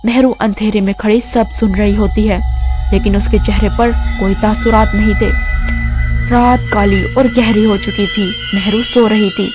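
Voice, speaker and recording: A woman narrating a scripted horror story in a measured, suspenseful way. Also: mid-range voice, little pitch movement. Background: music.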